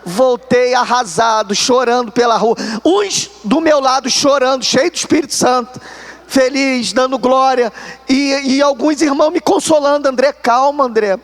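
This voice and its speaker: A Brazilian man preaching with a strikingly high voice for a man. He tells his story animatedly, speaking straight to the listeners as brothers. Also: moderate pace. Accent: Brazilian Portuguese. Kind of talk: sermon testimony.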